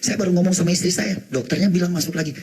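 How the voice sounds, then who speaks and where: Seorang pria membagikan kesaksian pribadi dengan penuh emosi, menirukan percakapan dan kadang berteriak gembira, sesekali menyelipkan kata bahasa Inggris. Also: male voice, high voice, very fast, husky. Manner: animated storyteller, acts out dialogue, shouts in excitement; mixes in English words. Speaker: testimony speaker. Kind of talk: emotional personal testimony.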